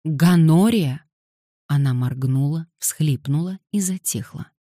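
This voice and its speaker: Low, dark-voiced woman reading an audiobook. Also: lively intonation, moderate pace, dry recording, clean studio sound. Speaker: audiobook narrator. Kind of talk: scripted audiobook narration.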